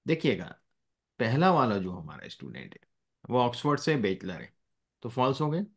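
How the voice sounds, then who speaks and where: A man's voice: mid-range voice, very animated, normal speed, husky. A male teacher taking a live class, with a voice that rises and falls a lot as he explains. He mixes in English phrases and keeps stopping to check that everyone is following.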